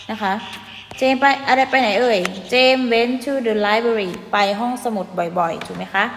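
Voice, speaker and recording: A woman's voice: fairly high pitch, a little hiss or hum. Thai woman teaching English in an echoey room. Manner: patient, ends phrases with polite particles, slows to spell out English words. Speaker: primary school English teacher. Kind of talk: online classroom lesson.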